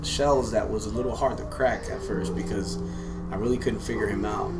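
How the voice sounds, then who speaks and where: A man's voice: fairly low pitch, fairly even intonation, fairly quick, over loud music. An American man reminiscing casually in a conversational way, often checking in with "you know".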